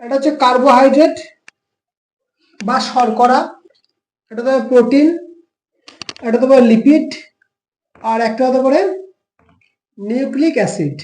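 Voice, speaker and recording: A man's voice: extremely high pitch, a little slow, pauses often, a little mellow, roomy sound, low-quality recording. A man with a West Bengal accent tutoring a class, explaining step by step and asking rhetorical questions.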